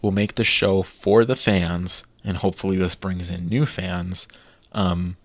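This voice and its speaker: A man with a low voice co-hosts a podcast, chatting casually and enthusiastically with lots of filler words. His tone stays steady and his pace measured, and there's no echo.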